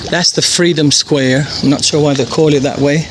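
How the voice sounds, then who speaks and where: A man with an Albanian accent talks casually as he guides viewers on a walking tour. His voice sits a little higher than most men's. He is recorded outdoors, with clear street noise and vehicles behind him. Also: steady tone, moderate pace. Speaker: travel vlogger. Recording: noisy outdoor street, traffic ambience. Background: street ambience, vehicles.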